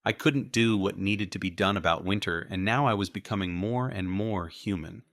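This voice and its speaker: Deep forceful male narrator. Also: moderate pace, no echo, clean studio sound. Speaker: audiobook narrator. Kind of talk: scripted first-person narration.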